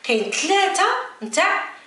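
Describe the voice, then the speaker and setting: A woman teacher, slowly spelling out letters and repeating each word. Her voice is bright and lively, rising and falling a lot. She sounds far from the mic in a very echoey room with faint noise. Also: very high-pitched. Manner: slow, repeats letters and words, drawn-out explanations. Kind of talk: French lesson for beginners.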